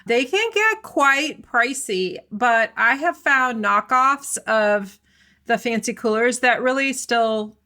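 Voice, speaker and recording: A middle-aged woman talks through picnic gear and dishes on a podcast in a chatty, explanatory way. Her voice sits a little high and sounds bright. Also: expressive, slow. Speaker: podcast co-host. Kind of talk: casual chat.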